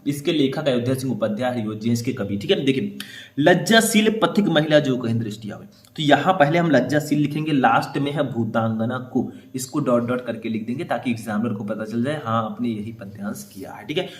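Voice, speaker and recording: Echoey-voiced man teaching exam writing. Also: mid-range voice. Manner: explains step by step, says "ठीक है" often; reads passages aloud slowly. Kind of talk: board exam writing lesson.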